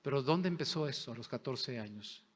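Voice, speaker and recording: A man preaching a sermon as pastor, impassioned, swinging between loud declarations and hushed, near-whispered prayer. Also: medium pitch, animated, a little fast, breathy edge. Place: church sanctuary. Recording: long hall reverb.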